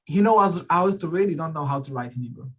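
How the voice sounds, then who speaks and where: Halting young man on a video call. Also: a little high, expressive, rough recording. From Israel. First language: Russian. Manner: halting, many fillers and restarts. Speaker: guest speaker. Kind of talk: casual talk and Q&A.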